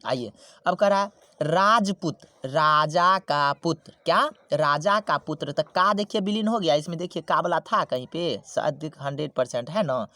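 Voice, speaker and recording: A man teaching a Hindi grammar lesson, repeating key words and asking rhetorical questions, slowing down to spell out terms. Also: fairly high pitch, sharp tone, dry recording. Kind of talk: classroom-style grammar lesson.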